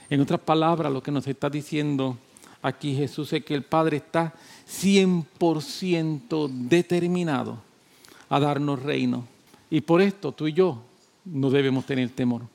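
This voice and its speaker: A male pastor delivers a sermon in a somewhat high voice. He repeats his points with emphasis, rising into loud exhortation and then dropping into quiet, low talk.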